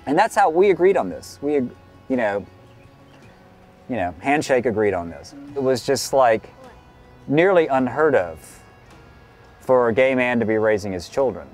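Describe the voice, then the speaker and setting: An older man recounts his past in a documentary interview, candid and earnest, with frequent "you know" fillers. His voice sits at a middle pitch, and soft music plays underneath. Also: big pitch swings, measured pace, pauses often. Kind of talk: reflective interview testimony.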